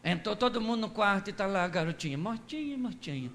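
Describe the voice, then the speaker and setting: A man preaching a lively sermon in a Brazilian accent, telling the story with jokes and acting out the people in it. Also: sits high, quick pace, a little hiss or hum. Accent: Brazilian Portuguese. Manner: animated storytelling, acts out quoted voices, jokes. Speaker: pastor. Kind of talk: lively sermon with humorous asides.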